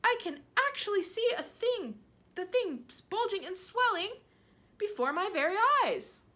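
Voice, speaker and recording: A woman's voice: lowish voice, animated, normal speed, pushed and bright. A woman voicing a mean, sly, bossy aunt who snaps and shrieks at those around her. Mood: shrieking alarm. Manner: snapping, shrieking, scolding.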